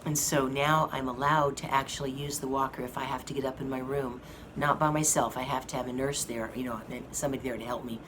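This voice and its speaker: A hoarse woman giving a slow, halting update to her viewers from a hospital room. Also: very deep voice, fairly even intonation. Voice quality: slow, halting speech with many fillers. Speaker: vlogger giving a health update. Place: hospital rehab room with an air conditioning fan. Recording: noisy room with fan hum. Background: air conditioning fan.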